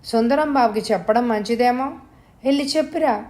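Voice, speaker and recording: A woman's voice: a little high, moderate pace, darkish tone, close to an everyday voice. A woman reading the part of an old male servant who speaks in rustic village talk, pleading and distressed. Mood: tearful.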